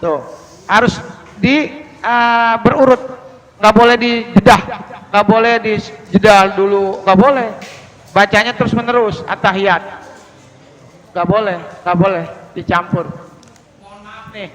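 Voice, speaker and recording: High bright-voiced preacher man in a hall. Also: steady tone. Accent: Indonesian. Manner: drills pronunciation, repeating words slowly and stressing them. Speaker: Islamic preacher. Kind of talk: religious teaching talk. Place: mosque hall. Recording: long hall reverb.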